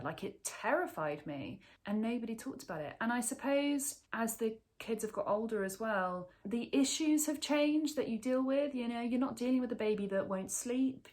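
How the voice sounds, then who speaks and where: A woman's voice: mid-range voice, a little mellow. A woman in her thirties talking openly and earnestly to camera about her own experience as a parent. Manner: earnest, open and reflective. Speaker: parenting vlogger. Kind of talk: candid personal talk to camera.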